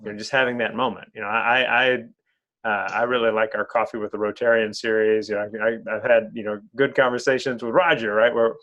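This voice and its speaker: A man's voice: on the low side, flat delivery, a little fast, fairly bright tone, muffled recording. A man interviewing a guest in an online club meeting, who often repeats words while searching for phrasing.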